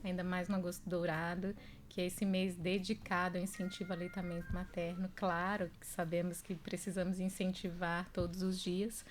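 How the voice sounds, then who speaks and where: A woman in her thirties from Brazil, a nurse guest on a radio show, telling her story in an earnest, measured way in the studio. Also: on the low side, slight background noise. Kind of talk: radio interview. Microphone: studio microphone.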